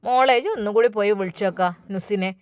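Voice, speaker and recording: A woman's voice: medium pitch, fast talker, clean tone, natural voice. A woman putting on a nagging older mother-in-law. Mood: complaining. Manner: nagging, loud and reproachful. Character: scolding older mother-in-law, possessive of her son.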